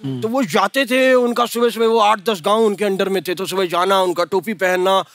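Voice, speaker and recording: A man's voice: normal speed, no echo. A man performing a comedy sketch, joking, singing and chanting to the crowd. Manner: joking, sings and chants in a high voice. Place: large TV studio stage. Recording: TV studio stage with loud music and audience. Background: loud music and a laughing studio audience.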